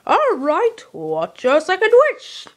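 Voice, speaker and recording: High-pitched, cheeky, Irish, tiny leprechaun wish-granter, woman's put-on voice, animated cartoon style. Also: slow pace, heavily acted. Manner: leprechaun-like, high, excitable sing-song delivery.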